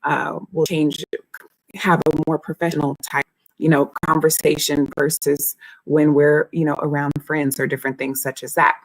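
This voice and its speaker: Slightly low, creaky-voiced woman streamer. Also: level tone, moderate pace, no room sound, poor audio. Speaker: live stream host. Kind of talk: casual informal explaining to live viewers.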